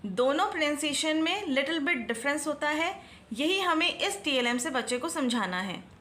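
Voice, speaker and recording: A young woman teaches phonics to small children, stretching each letter sound slowly and clearly. Her voice is high and bright. The recording has a roomy echo. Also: animated.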